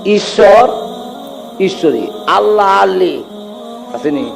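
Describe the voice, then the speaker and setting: A man preaching a Bengali waz sermon in a sing-song way, speaking with a tinge and urging the crowd to answer louder. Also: sits high, lively intonation, slow pace, vocal fry, music in the background. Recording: long hall reverb.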